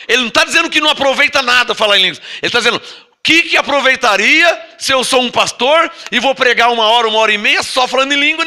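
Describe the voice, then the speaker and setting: This Bible-teaching sermon comes from an apostle with a Brazilian Portuguese accent addressing his congregation. Scripture is read slowly and drawn out, then explained emphatically, with rhetorical questions to prod listeners, all in a very high-pitched, pushed and bright voice.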